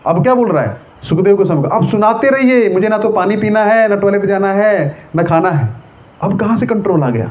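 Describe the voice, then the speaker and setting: A man preaching on scripture in a lively, conversational way, asking many rhetorical questions and checking that his listeners follow. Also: sits high. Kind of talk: sermon on scripture. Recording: tinny phone-like sound.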